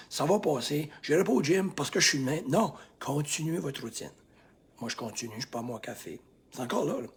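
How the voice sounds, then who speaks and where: A man with a Québécois French accent, a life coach giving a motivational talk to camera, swinging between loud emphatic bursts and hushed near-whispers. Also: a little high, breathy edge.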